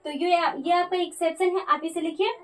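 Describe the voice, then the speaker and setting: A woman's voice: extremely high pitch, steady tone, a little fast. A woman teaching a Sanskrit grammar lesson, often asking a question aloud and answering it herself. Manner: repeats questions and answers them for students. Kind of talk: classroom lecture.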